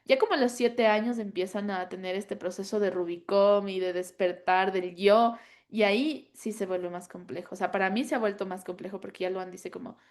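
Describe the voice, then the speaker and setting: A woman's voice: medium pitch, steady tone, normal speed, hardly any pauses. A woman, a mother chatting as a podcast guest, telling stories with many fillers and laughs. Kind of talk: casual chat.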